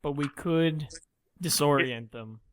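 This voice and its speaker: A man's voice: a little high, slow, no room sound. A young man playing a tabletop game, making dry jokes in casual chat. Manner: dry, joking. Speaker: player.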